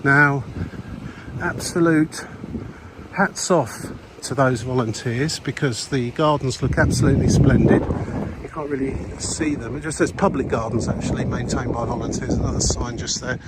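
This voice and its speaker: A man's voice: medium pitch, a little slow. An older man chatting casually while walking a clifftop path, slightly breathless, with lots of fillers and restarts. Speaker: walking vlogger. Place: outdoors on a clifftop coastal path. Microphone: body-worn mic while walking. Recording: loud outdoor wind and traffic noise. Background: outdoor ambience and passing vehicles.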